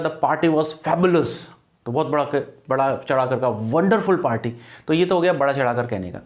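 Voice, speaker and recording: A man teaching an English grammar and vocabulary lesson for exam preparation, asking questions and answering them himself to drill key words. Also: fairly high pitch. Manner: repeats key words as questions to students, explains patiently.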